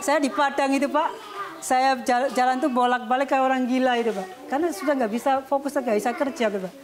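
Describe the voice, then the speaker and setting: A woman's voice: high-pitched, steady tone, brisk. A woman, a missionary who cares for schoolchildren, gives an emotional personal testimony in an interview, speaking earnestly and politely. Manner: earnest, often adds a polite "sir" to her sentences. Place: remote rural area.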